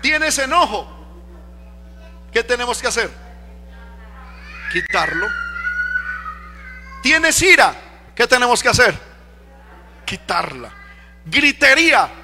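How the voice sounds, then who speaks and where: Male pastor, very high bright voice, slow emphatic sermon, hall reverb, soft music behind. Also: vocal fry. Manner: preaching, emphatic, rhetorical questions. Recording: long reverb of a church hall. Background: faint music.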